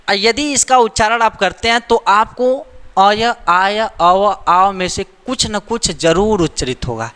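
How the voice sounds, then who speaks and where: A man's voice: high-pitched, pushed and bright, clean tone, long reverb tail. A man teaching a grammar lesson, repeating the rules and asking rhetorical questions to check that students follow. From India.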